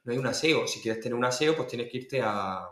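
Animated Spanish man telling anecdotes. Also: medium pitch, fairly quick. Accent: Murcian Spanish. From Spain. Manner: animated anecdote-telling, acting out voices with laughs. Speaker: guest singer. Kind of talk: casual storytelling in a podcast interview. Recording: echoey room.

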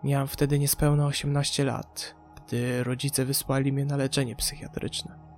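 A man's voice: medium pitch, little pitch movement, moderate pace, faint music behind, close to an everyday voice. A man voicing a haunted forty-year-old woman recalling her time in an asylum, in an audiobook. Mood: haunted, pained. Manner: withdrawn, pained recollection.

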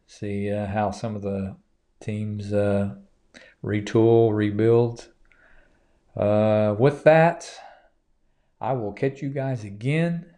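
Man, host, casual sports chat, low mellow voice, hesitant with fillers. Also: fairly even intonation, slow pace, pauses often. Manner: hesitant, many fillers and restarts. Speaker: podcast host.

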